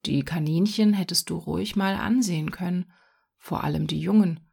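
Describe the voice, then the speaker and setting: A woman voicing a kindly man who gently coaxes a boy in a storybook reading, speaking softly and often half-whispered. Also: fairly low pitch, moderate pace, creaky, husky. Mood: coaxing. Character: kindly bow-legged man with a rabbit basket.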